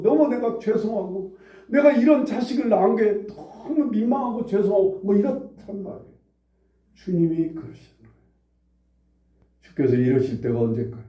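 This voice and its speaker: Pastor guy preaching in church, higher voice, keeps repeating himself and asking the room stuff, echoey and kinda muffled. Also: recorded from a distance. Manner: emphatic, repeats phrases, asks the congregation questions. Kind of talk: sermon. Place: church sanctuary.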